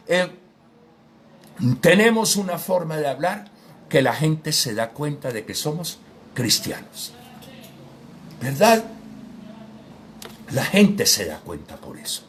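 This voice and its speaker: A man giving an informal Bible teaching, speaking directly to his listeners with frequent tag questions and hesitant fillers. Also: on the high side. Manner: addresses listener directly and formally.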